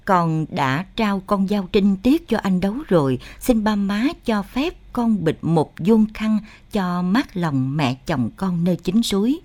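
Woman voicing a young village woman, sobbing plea, warm tone, radio storybook. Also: mid-range voice, animated, unhurried, natural voice. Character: young village woman, grieving, devoted fiancée.

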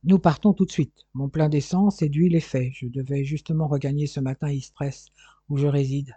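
Man playing a brisk businesslike pilot. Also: on the high side, fairly even intonation, warm tone, husky, no room sound, muffled recording.

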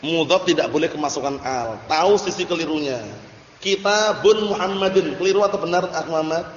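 A man's voice: fairly high pitch, quick pace, a little hiss or hum. A man teaching Arabic grammar to a class, questioning students and drilling their answers. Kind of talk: classroom lesson. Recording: dull, echoey hall recording.

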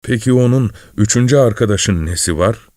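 A gruff, grumbling poor father, as a male reader puts him on in a storybook reading. He mutters in a low, mellow voice. The recording is dry. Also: moderate pace, no echo, close to an everyday voice.

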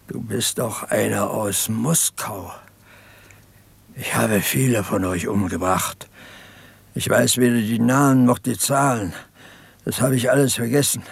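A haunted peasant partisan in an old radio drama, slow and heavy with guilt. His voice is gravelly and husky, each phrase dragged out and pressed close to the mic in a dry, dead studio. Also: mid-range voice, no room sound. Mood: confessing. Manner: brooding, halting, pleading confession. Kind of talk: 1950s radio drama acting.

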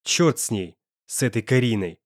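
A man's voice: medium pitch, animated, normal speed, no room sound, studio quality, lightly acted. A man playing an angry young male student who talks in a coarse, slangy, threatening way. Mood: scornful.

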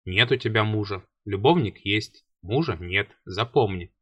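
A commanding male dragon prince snaps short, clipped orders in a low voice, as a man reading the book puts him on. The recording is dry and close. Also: animated, measured pace, a bit bright, breathy edge, no room sound, exaggerated voice. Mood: curt. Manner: curt, clipped.

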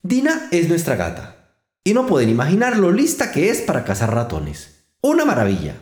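A man's voice: a little high, wildly swooping pitch, normal speed, darkish tone, echoey room. A man voicing an eager, polite young girl in a told fairy tale, with an earnest, pleading manner.

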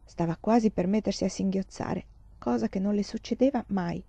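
A woman reading a novel aloud in a slow, calm, expressive way. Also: medium pitch, creaky, slightly rough, dry recording. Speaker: audiobook reader. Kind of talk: scripted narration.

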